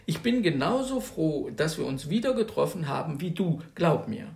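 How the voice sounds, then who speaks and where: A man voicing a calm young woman, an art student and mother, who answers briefly and matter-of-factly. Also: on the high side, normal speed, gravelly, roomy sound.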